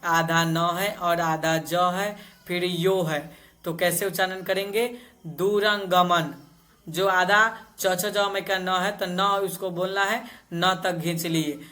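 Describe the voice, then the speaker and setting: A man teaching Vedic chanting, reciting verses slowly syllable by syllable and breaking off into quick spoken explanations. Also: sits high, steady tone, sharp tone.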